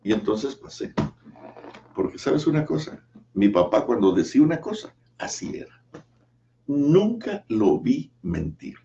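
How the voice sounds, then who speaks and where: A male pastor tells a story from the pulpit at a slow, deliberate pace, pausing for effect. His voice is low and mellow. The recording is dull and heard from some distance away. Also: big pitch swings, gravelly. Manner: slow, earnest storytelling with dramatic pauses. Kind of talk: sermon storytelling.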